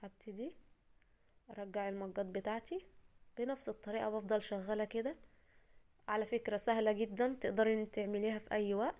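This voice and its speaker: Tired from a cold, this Egyptian woman speaks with an Egyptian Arabic accent at a medium pitch, quickly but with long pauses, in a fairly even, slightly mellow voice. As a home cooking host, she gives a casual, chatty, reassuring step-by-step recipe tutorial.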